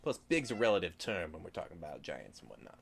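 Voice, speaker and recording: A man acts out a practical hobgoblin adventurer for a tabletop game. He speaks in a low voice and explains himself frankly. His manner is measured and diplomatic. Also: sing-song, slight background noise. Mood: matter-of-fact. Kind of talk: tabletop role-play.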